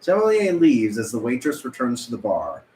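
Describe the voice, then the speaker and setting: Reading stage directions at a table read, this man has a mid-range, darkish voice with huge pitch swings and normal speed. He occasionally trips over words and fixes them, recorded in an echoey room with background noise.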